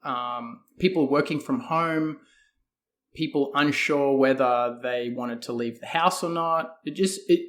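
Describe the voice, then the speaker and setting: Answering interview questions as a guest, this Australian fitness coach talks a little slowly in a mid-range, somewhat bright voice. The exchange is conversational, and he hedges and works through his thoughts out loud.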